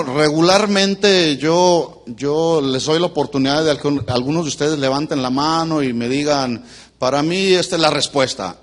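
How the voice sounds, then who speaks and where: A male pastor preaching a sermon to a congregation, teaching and quizzing them with questions. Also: a little high. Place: church before a congregation.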